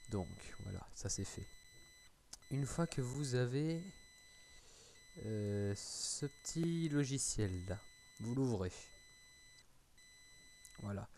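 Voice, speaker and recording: A man's voice: lowish voice, slow, pauses often, mellow, slight background noise. A man with a French accent talking through a computer tutorial on screen, hesitant, full of fillers and restarts. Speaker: tutorial maker. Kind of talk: screen-recorded tech tutorial.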